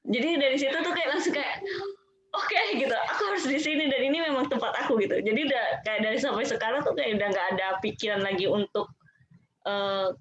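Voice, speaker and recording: A woman's voice: mid-range voice, a little hiss or hum. Chatty woman teacher on a dull line. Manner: chatty, heavy use of fillers. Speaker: special-needs teacher. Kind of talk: casual live chat storytelling.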